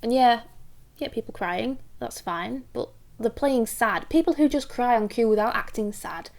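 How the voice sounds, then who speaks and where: A woman giving a casual acting lesson, chatty and quick to act out the lines she describes. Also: a little high, lively intonation, vocal fry. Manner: chatty, acts out quoted lines, uses filler 'like'. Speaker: acting teacher.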